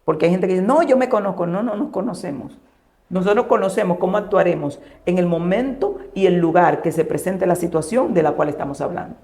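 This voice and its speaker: Woman pastor telling her testimony. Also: fairly low pitch. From Dominican Republic. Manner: storytelling, acting out quoted dialogue in a hushed voice. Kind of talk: emotional personal testimony.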